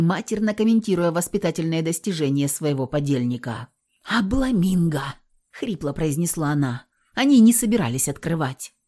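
Lively low-voiced woman narrator. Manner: lively, expressive storytelling. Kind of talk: audiobook narration.

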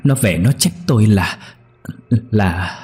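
A man's voice: fairly low pitch, expressive, slow, a little mellow, slightly rough, full character voice. Man doing a terrified stammering father. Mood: frightened. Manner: stammering, frightened. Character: terrified middle-aged father.

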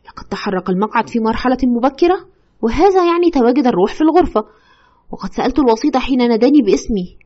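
A haunted widow, played by a woman, pours out her tale of a ghost that will not leave her. She speaks very fast and a little high, with the fear held close under every line. The audio is slightly muffled, as if from a lo-fi audio drama. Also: lively intonation, warm tone. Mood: tense. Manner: fearful, urgent, breathless retelling. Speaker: storyteller consulting a doctor.

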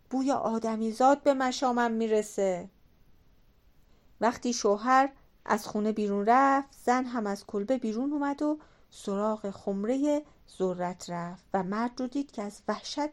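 A woman narrates a folk tale for an audiobook in a measured, dramatic reading. Her voice sits fairly high for a woman. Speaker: audiobook reader. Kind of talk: storytelling narration.

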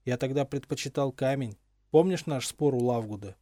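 A weary young hero, as a male narrator puts him on in a homemade audiobook, exasperated and tired. His tone is warm and low in brightness, recorded dry and close. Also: moderate pace, no echo, natural voice.

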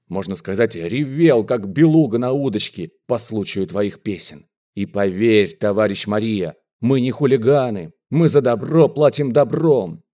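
A man's voice: fairly low pitch, warm tone. Man doing a fiery ringing-tenor bandit. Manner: fiery, chest-thumping oaths. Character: thin male bandit, 35, ringing tenor, hot-tempered.

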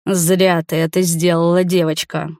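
A woman's voice: lowish voice, fairly even intonation, moderate pace, no echo, clean studio sound, natural voice. Sneering young fire mage bully, read by a woman. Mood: menacing. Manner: sneering, threatening.

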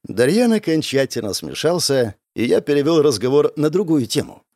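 A man narrating a first-person fantasy audiobook in an expressive storytelling manner. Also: a little high, normal speed, no room sound, studio quality.

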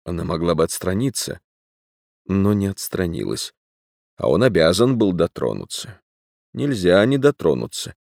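Low gravelly male audiobook narrator. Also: sing-song, normal speed, a little mellow, no room sound, studio quality.

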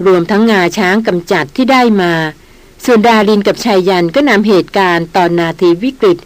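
A woman narrating an adventure novel as an audiobook in an even storytelling manner. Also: mid-range voice, a little fast, no room sound.

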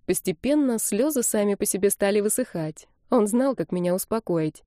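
Woman reading a romance audiobook, gentle and emotional, mellow dark tone, dry close mic. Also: mid-range voice, lively intonation, normal speed, dry recording. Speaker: audiobook narrator. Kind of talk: scripted first-person narration.

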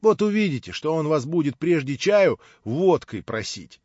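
A man voicing a fussy, fretful young woman hostess who scolds and pleads by turns, his voice raised high. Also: very animated, moderate pace, a little mellow, dry recording. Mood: fussing, scolding. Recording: dull, dry recording.

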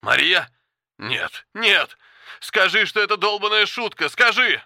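A man voicing a despairing man who shouts desperate, anguished cries in an audiobook. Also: high-pitched, big pitch swings, a little slow, creaky, no echo, studio quality, pitched above the performer's own voice, full character voice. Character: young man in despair, shouting over the radio. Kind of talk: audiobook character voice.

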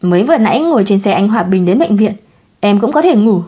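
A woman voicing a young pregnant wife who speaks softly and candidly, a little pouty. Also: medium pitch, lively intonation, fast, slightly rough. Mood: gentle.

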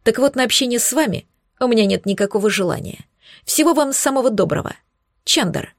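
A woman's voice: a little high, expressive, fairly quick, no room sound, clean studio sound. A woman playing a sarcastic young witch duchess. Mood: sharp, teasing. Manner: sarcastic, blunt, teasing. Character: sharp-tongued young female witch duchess.

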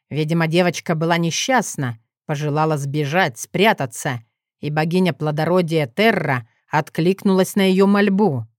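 A woman's voice: deep voice, no room sound, clean studio sound. A woman voicing a haughty adult dragon lord with an ironic, sneering drawl. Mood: grave.

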